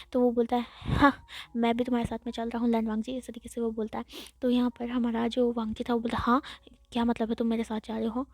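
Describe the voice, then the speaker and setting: A woman's voice: on the high side, warm tone, dry recording. Chatty woman retelling a love story. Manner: chatty, with frequent fillers and restarts. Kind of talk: casual fan-fiction retelling.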